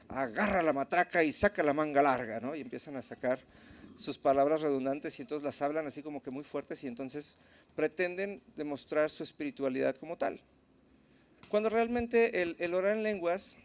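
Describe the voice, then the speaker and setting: A man teaching at a church in a relaxed, conversational way, often checking in with the congregation. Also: a little high. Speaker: preacher.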